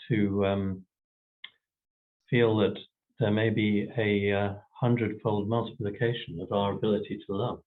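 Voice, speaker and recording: A man's voice: lowish voice, narrow, tinny audio. A man hosting an event, speaking off the cuff in a hesitant, politely appreciative way. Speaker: host relaying audience questions. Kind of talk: event moderation, spontaneous speech.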